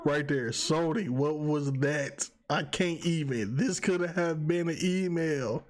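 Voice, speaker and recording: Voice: medium pitch, slow pace. A streamer reacting live in casual talk, laughing to the point of tears, exclamatory and disbelieving, breaking off mid-sentence.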